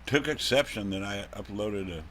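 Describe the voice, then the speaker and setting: Low-voiced man telling a story on a video call. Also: moderate pace, a bit bright, a little hiss or hum. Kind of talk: casual chat on a video call.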